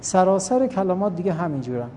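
A man teaches a grammar class, chanting verb conjugations over and over in a steady sing-song. His voice is soft and mellow, with a long reverb trailing after each word. A faint background hiss sits under the recording. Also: high-pitched. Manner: recites verb forms in repeated sing-song drills. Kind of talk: classroom lesson.

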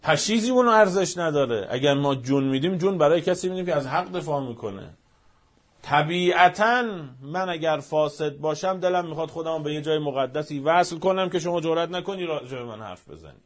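A man giving an impassioned religious-political speech, rhetorical and fervent, swinging between raised outbursts and quiet, low asides. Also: expressive. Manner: fervent, rhetorical, swings from shouting to near-hushed.

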